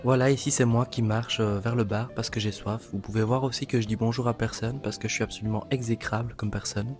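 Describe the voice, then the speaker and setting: A man's voice: mid-range voice, steady tone, brisk, darkish tone, soft background music. A young man chatting casually for a vlog in a wry, campy drag queen manner. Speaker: drag performer and vlogger.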